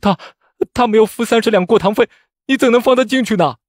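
A man voicing a poor, desperate young male scholar who cries out in high, strained outbursts. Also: fast talker, no room sound, clean studio sound. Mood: indignant.

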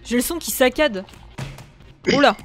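A high-pitched woman plays a brawling video game with a friend, rowdy and playful, laughing and shouting as she goes. Game music plays faintly behind her. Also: animated, unhurried. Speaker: gaming YouTuber. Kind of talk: casual let's play chat.

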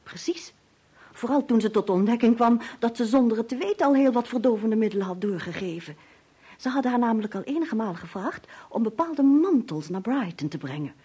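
A brisk detective's wife, old radio show. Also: female voice, on the high side, expressive, dark tone, husky. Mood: calm, explaining. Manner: brisk and reassuring, explains things steadily. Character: composed, resourceful adult woman assisting a detective. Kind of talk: 1950s radio drama acting.

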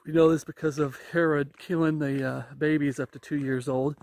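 Man preaching on a walk, higher-pitched voice. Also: steady tone, moderate pace, gravelly, darkish tone, no room sound. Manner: earnest, emphatic, pressing rhetorical questions; talking while walking. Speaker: religious vlogger. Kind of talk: informal preaching while on a walk. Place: outdoors on a wooded path. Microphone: phone at arm's length.

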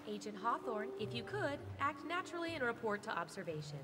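Polite game announcer, soft hotel lobby announcement vibe, lively lilt, game music under it. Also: female voice, a little high, fairly quick. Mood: calm announcing. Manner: smooth, courteous, mock-official delivery. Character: polite female agency PA announcer, calm and deadpan.

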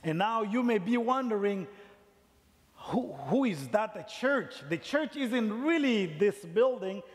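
Preaching slowly and animatedly in a high voice, a middle-aged district superintendent from Zambia addresses a large church sanctuary via headset mic. Slight background noise and the hall's long reverb accompany him.

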